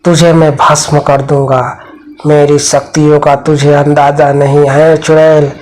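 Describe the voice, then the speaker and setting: A man's voice: fairly high pitch, flat delivery, a little slow, a little mellow, voice pushed down, lightly acted. A man voicing a stern old holy man who vows to destroy a witch, in a cartoon horror story. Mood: commanding. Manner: commanding, threatening.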